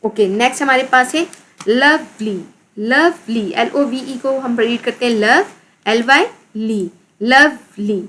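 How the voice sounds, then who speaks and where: A woman's voice: fairly high pitch, moderate pace, a bit bright, a little hiss or hum. A woman teacher with a Pakistani accent explaining an English lesson in Urdu, repeating words and spelling them out letter by letter.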